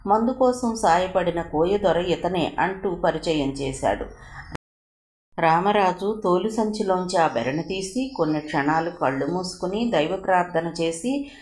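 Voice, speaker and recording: Low-voiced woman reading a novel. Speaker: audiobook narrator. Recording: echoey room with faint noise.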